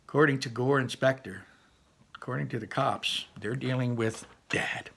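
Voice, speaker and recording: A man's voice: medium pitch, normal speed, gravelly, fairly bright tone. A man teaching a read-aloud lesson, chatty and explaining with asides.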